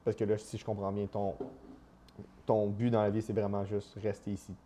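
Casual interviewer, man, low dark voice, curious follow-ups. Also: level tone, moderate pace, a little hiss or hum. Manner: curious, asks follow-up questions.

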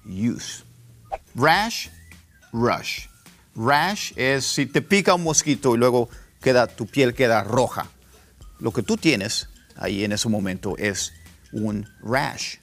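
A man whose first language is Spanish, teaching English pronunciation and repeating word pairs slowly to contrast them, with faint music underneath. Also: medium pitch, gravelly, fairly bright tone. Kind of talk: casual pronunciation lesson.

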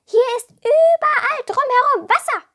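A woman's voice: very high-pitched, normal speed, a bit bright, pitched above the performer's own voice. A woman voicing a small, grumpy and boastful male water goblin who curses and brags indignantly. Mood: grumbling. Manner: indignant, cursing, bragging.

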